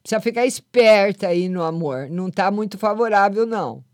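A woman's voice: medium pitch, lively intonation, fairly quick, no echo. An older woman hosting a live call-in show, chatting affectionately with callers and giving them readings. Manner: affectionate, calls callers "my lovely". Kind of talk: casual live call-in chat.

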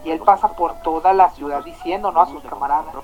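A Mexican woman hosting a radio show, telling a story in a chatty, slangy, animated way. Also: low voice, brisk, narrow, tinny audio, soft background music. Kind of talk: casual storytelling chat.

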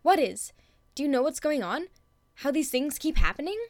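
Man doing a high, eager young girl. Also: expressive, normal speed, no echo, studio quality. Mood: urgent. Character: bright, eager young girl, anxious then thrilled. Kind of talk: audiobook character reading.

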